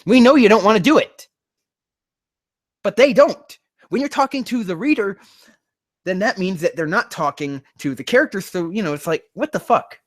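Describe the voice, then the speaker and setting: A man with an expressive, high-pitched voice reads amateur fan fiction aloud at normal speed, pausing often, in a dry, clean studio recording. He mocks it casually as the host, rambling, swearing in exasperation and stumbling over the text.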